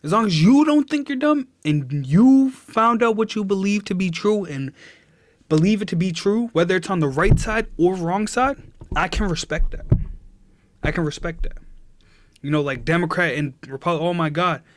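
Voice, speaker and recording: A man's voice: high-pitched, expressive, moderate pace, no room sound. A twenty-year-old man chatting casually on a live stream, giving his chat an earnest, preachy pep talk.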